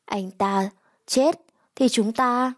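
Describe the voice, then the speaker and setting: A woman's voice: a little high, drawn-out words. A woman voicing a jealous, hurt young man who speaks in a bitter, scornful way.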